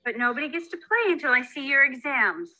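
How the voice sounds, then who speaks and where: A woman's voice: sits high, animated, fairly quick. An actress playing a mild, agreeable mother in a comedy skit who gives in easily. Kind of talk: scripted comedy skit acting.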